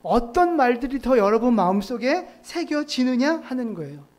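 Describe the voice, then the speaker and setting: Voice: medium pitch, sing-song, moderate pace, a little mellow. A pastor giving a sermon in a conversational way, often asking the congregation rhetorical questions. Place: church sanctuary.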